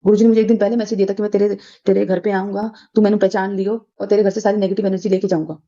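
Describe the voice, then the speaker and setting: A woman's voice: mid-range voice, flat delivery, rapid-fire, warm tone. A middle-aged woman telling a casual devotional testimony, chatty and full of fillers and restarts, addressing her listeners as sangat ji. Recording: dull lo-fi recording.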